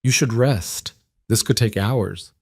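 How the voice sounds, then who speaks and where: A man voicing a calm, firm woman. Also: fairly low pitch, takes it slowly, creaky, slightly rough, no echo, clean studio sound, full character voice. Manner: firm, gentle.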